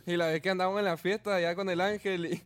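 A man's voice: sits high, steady tone, fast. A young man chiming in with short, chuckling remarks in a casual chat among friends. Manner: brief, chuckling interjections.

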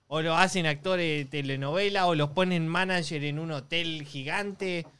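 A man's voice: on the high side, moderate pace, a bit bright, clean tone. A man in casual podcast chat, arguing and asking questions.

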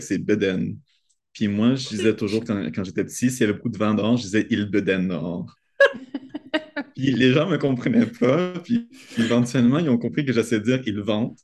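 A young man, a podcast guest telling childhood stories in a relaxed way with frequent restarts. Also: medium pitch. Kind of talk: casual interview chat.

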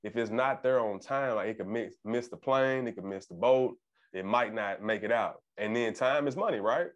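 Man from arkansas, low voice, laid-back interviewer, says right right a lot. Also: normal speed, highs cut off. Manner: relaxed, affirming, repeats words. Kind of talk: casual interview.

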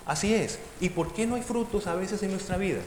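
Animated high-voiced male preacher. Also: brisk. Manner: emphatic, addresses the congregation with rhetorical questions. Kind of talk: sermon. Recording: echoey hall with faint background noise.

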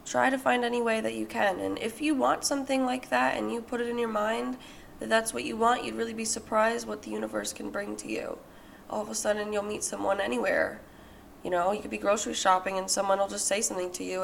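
A woman in her twenties hosting a solo podcast, her voice raspy from being sick, chatting in a rambling way with lots of fillers. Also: fairly high pitch, fairly even intonation, quick pace, slight background noise. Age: 20s. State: sick, hoarse. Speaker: podcast host. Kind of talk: casual solo podcast talk.

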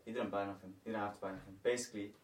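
Quick, lowish roadman, off-mic. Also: steady tone, far from the mic. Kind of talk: casual podcast chat. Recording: echoey, off from the microphone.

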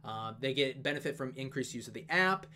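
A man talking fast and casually as he walks through an investment analysis, with plenty of fillers and asides. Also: mid-range voice, animated, sharp tone, a little hiss or hum. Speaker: investing video host. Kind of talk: casual stock analysis talk.

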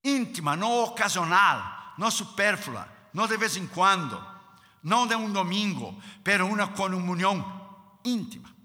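A man's voice: high voice, big pitch swings, a little slow, pushed and bright, long reverb tail. A male preacher delivering a sermon with emphatic, repetitive exhortations.

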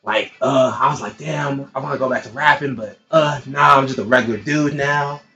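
A man's voice: mid-range voice, normal speed, vocal fry, sharp tone, lo-fi sound. A man in his twenties co-hosting a podcast, chatting casually in a laid-back, slangy way and laughing often. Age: 20s. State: high on an edible. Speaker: podcast co-host. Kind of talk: casual chat.

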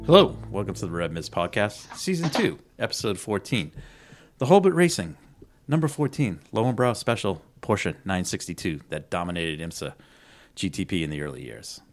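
A man's voice: low-pitched, normal speed, faint music behind. A man co-hosting a casual motorsport podcast, joking and restarting his sentences. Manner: lively, jokey, restarts a lot. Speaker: podcast co-host.

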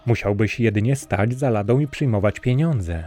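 A man's voice: fairly low pitch, normal speed, dark tone, soft background music, close to an everyday voice. A man voicing a scheming sorcerer who poses as a kindly uncle, speaking in a sweet, sly way in a storybook reading.

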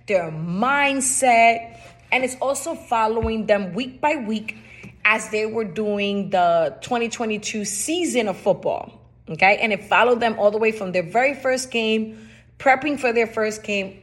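A woman's voice: fairly high pitch, fairly bright tone. A woman with a Spanish accent hosting a podcast, talking in a casual, emphatic way and often repeating her phrases. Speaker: podcast host.

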